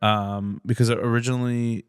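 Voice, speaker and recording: A man's voice: medium pitch, level tone, normal speed, clean tone, no room sound. Brief: young man from Canada, loose rambling podcast guest, dry close sound. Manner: rambling, many fillers and restarts. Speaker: comedian guest. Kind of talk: casual podcast chat.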